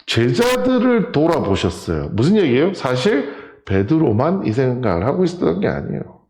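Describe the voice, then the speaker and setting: A male pastor giving a sermon, telling the story with lively acted-out voices and questions to the congregation. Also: medium pitch, moderate pace, echoey room. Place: church sanctuary.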